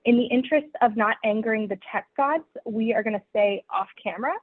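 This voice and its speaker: A woman's voice: fairly high pitch, brisk, dry recording. A woman program specialist introducing a webinar in a friendly way, with frequent hesitations. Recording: dry, phone-like call audio.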